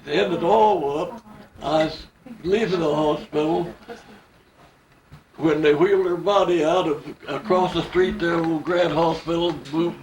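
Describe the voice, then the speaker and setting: Older man telling memories haltingly. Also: on the high side, distant mic. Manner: halting, repeats and restarts words. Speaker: family member telling memories. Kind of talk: casual storytelling. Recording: echoey room, away from the mic, faint ambience.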